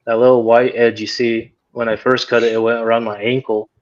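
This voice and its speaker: A man's voice: medium pitch, brisk. A man guest chatting casually and hesitantly on a stream, with plenty of fillers. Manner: relaxed, hesitant, lots of fillers. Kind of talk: casual chat. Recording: muffled lo-fi call audio.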